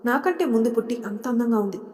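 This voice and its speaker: A woman's voice: on the high side, expressive, quick pace, darkish tone, big-room sound, lightly acted. A woman doing a spoiled, scornful young bride-to-be. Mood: jealous. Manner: scornful, bossy. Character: spoiled, vain young woman, sharp-tongued and jealous.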